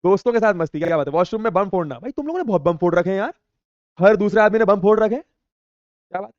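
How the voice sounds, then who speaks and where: A man's voice: sits high, expressive, fast talker, darkish tone, dry recording. A young man teaching an online class, chatting casually and teasing as he reads out viewer comments in a playful, slangy way. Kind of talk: casual live chat reading viewer comments. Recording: dull, dry sound.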